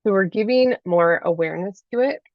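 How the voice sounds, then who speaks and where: A woman's voice: medium pitch, fairly quick, no echo, muffled recording. A woman life coach talking as a podcast guest in a chatty way, often adding "like" and "right?". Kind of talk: podcast interview.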